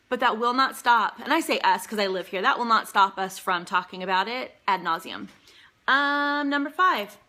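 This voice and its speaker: A woman's voice: mid-range voice, bright, forceful tone. A woman vlogging in casual chat, rambling along with frequent ums and asides as she answers a list of questions.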